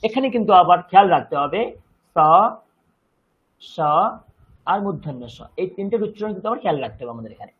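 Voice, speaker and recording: A man with a Bengali accent teaching a Sanskrit lesson, speaking slowly and deliberately and chanting verses syllable by syllable. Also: high-pitched, lively intonation, breathy edge, muffled recording. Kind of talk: online language lesson.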